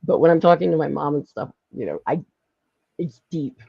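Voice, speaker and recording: A woman with a Philadelphia accent, hosting a casual live-stream chat, talkative and quick to laugh. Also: deep voice, vocal fry, breathy edge, no echo, lo-fi sound. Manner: chatty, lively, laughs often, many fillers. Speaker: podcast host.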